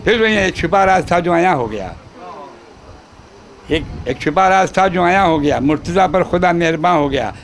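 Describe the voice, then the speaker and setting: A man's voice: high-pitched, creaky, fairly bright tone. A man reciting devotional poetry at a shrine gathering, repeating each couplet and chatting with the audience between verses.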